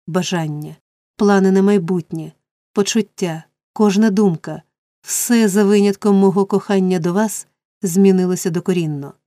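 A woman's voice: lowish voice, mellow, no room sound, clean studio sound, natural voice. A woman voicing an earnest young man in love, pleading insistently in an audiobook reading.

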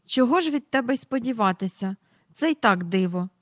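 A woman's voice: medium pitch, normal speed, no echo, lightly acted. Woman plays stern nanny, haughty and clipped, storybook, dry. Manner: curt, sharp, haughty.

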